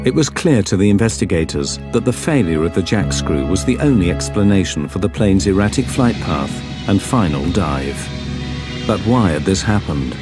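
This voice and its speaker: A man with a low voice narrates a documentary from a script. He paces the story in a measured, dramatic way. Music plays clearly behind him. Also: expressive. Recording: dramatic music bed under voice.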